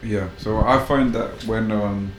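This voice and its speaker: A young man speaks casually in a fairly low voice, halting as he works out his thoughts. The room echoes and there is clear noise behind him. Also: steady tone. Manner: hesitant, halting, thinking aloud. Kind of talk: casual group discussion.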